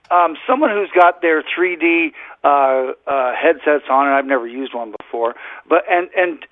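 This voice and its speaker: A male caller on a talk radio show, coming through a narrow, tinny phone line. His voice sits a little high for a man, and the sound is dry and close. He talks in a halting way, full of fillers and restarts. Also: dry recording. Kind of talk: casual call-in chat.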